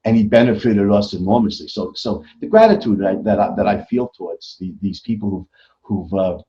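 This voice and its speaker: An American author appears as a podcast guest in a conversational interview, speaking emphatically and often stammering and repeating words. His voice is lowish, warm, animated and fairly quick. The recording has a dull, lo-fi quality.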